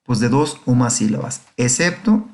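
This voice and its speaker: Male teacher, slightly gravelly voice, patient step-by-step grammar explanations. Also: medium pitch, lively intonation, moderate pace. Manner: patient, checks understanding with frequent questions. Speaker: English teacher. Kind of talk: recorded grammar lesson.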